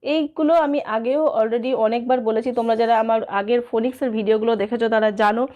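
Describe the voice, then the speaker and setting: A woman's voice: a little high, fairly even intonation, quick pace, narrow, tinny audio. A woman teacher explaining in a casual video, asking and answering her own questions and sounding out letter sounds. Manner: sounds out letter sounds in a sing-song. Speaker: teacher giving tips.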